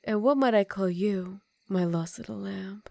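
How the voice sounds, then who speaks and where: A woman playing an ancient, aristocratic vampire countess in an intimate ASMR roleplay, speaking softly and formally with a teasing, condescending manner and some whispered phrases. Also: mid-range voice, moderate pace, gravelly, dry recording, close to an everyday voice. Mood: teasing, seductive.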